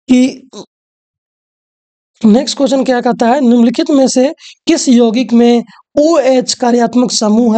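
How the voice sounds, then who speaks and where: A woman's voice: a little high, dark tone. A woman teacher, walking through exam questions and often asking the students rhetorical questions.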